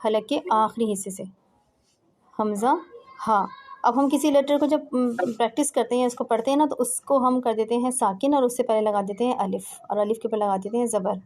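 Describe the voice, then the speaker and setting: A woman's voice: a little high, fairly even intonation, darkish tone, a little hiss or hum. A woman giving an informal home lesson, patiently demonstrating throat sounds step by step. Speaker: Quran pronunciation teacher. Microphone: home recording, phone.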